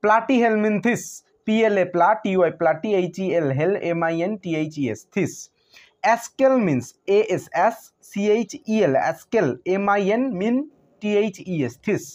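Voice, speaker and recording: A man's voice: high-pitched, animated, normal speed, a little mellow. A man teaching a school science lesson, often repeating himself and spelling out terms letter by letter. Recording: dull lo-fi sound.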